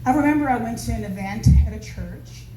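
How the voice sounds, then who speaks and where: At a community meeting in a meeting hall, a Nevada woman delivers a sincere, meandering public comment packed with fillers. Her voice is a little high, a little fast, and mellow, captured noisily from a distance in an echoey room.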